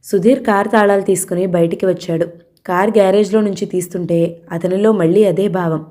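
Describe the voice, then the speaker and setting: A woman reading a novel aloud as audiobook narrator, in steady storytelling narration. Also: mid-range voice, a little fast.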